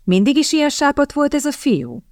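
A woman's voice: high-pitched, sing-song, a little mellow, no room sound, pitched above the performer's own voice. Audiobook: a woman doing a cheeky, good-humoured captain, dry sound. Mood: jovial. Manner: jovial, joking. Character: jovial military captain, cheeky friend.

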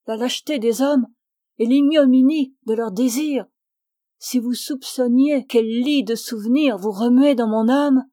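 A troubled young woman wrestles with love and faith, voiced by a woman narrator. Her voice sits fairly high and rises into anxious questions. The pace stays slow and the tone mellow. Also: no room sound, studio quality. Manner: agitated, questioning, emotional.

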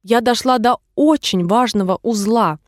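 A woman's voice: a little high, unhurried, dry recording, studio quality, lightly acted. A woman voicing a proud, touchy mouse who takes offense easily and speaks stiffly. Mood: stern.

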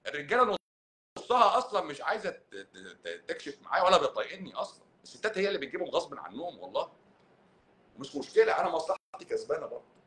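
A man's voice: a little high, rapid-fire, slight background noise. A middle-aged man with an Egyptian Arabic accent, a doctor talking in a casual, sarcastic live-stream monologue. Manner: sarcastic, mocking, animated.

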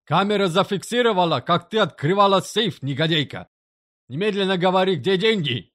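A woman voicing a crude, menacing middle-aged male boss who growls threats in a low, rough voice. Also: expressive, fairly quick, lightly acted. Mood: threatening.

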